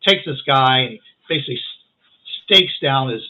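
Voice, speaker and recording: Halting man game master on a tinny line. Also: mid-range voice, expressive, pushed and bright. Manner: halting, full of restarts and fillers. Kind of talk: narrating a tabletop game. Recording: phone-like online call.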